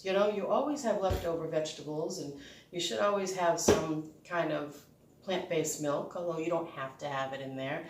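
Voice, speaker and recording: Casting: woman, Boston accent, lowish voice, chatty rambling home-cook host, recorded in an echoey room. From Boston, United States. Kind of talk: casual cooking vlog chat. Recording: echoey room, distant microphone.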